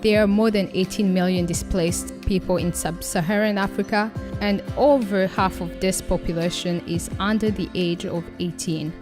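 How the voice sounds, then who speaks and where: Measured female narrator over music. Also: mid-range voice, fairly even intonation. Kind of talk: scripted narration.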